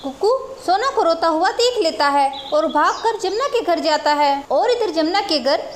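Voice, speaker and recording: A woman storyteller giving steady, simple scripted narration for a children's village tale. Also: very high-pitched, normal speed, a little hiss or hum.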